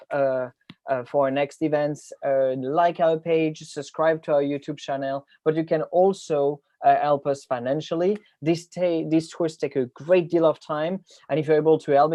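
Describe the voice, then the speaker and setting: A man's voice: on the high side, mellow, dry recording. A man hosting a live online tour, speaking with hesitant restarts. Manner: non-native English with hesitant restarts. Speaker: tour company host.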